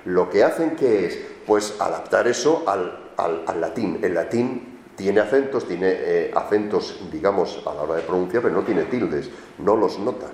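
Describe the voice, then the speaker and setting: Man, lecturer, fairly low voice, explains patiently with question tags, roomy lecture-room echo. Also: lively intonation, normal speed, a little mellow, a little hiss or hum. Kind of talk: classroom lecture.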